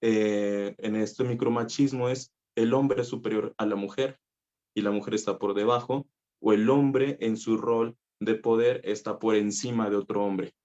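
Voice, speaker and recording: Low-voiced Mexican man, chatty speaker. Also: steady tone, a little slow, darkish tone, dull audio. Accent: Mexican Spanish. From northern Mexico (Coahuila). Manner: conversational, many fillers, laughs easily. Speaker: voice teacher giving a talk. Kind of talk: conference talk.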